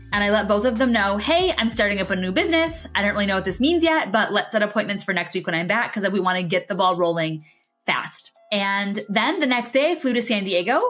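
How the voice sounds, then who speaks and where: A young adult woman co-hosting a podcast, telling a story casually with energy and quick animated delivery. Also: medium pitch. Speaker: podcast co-host.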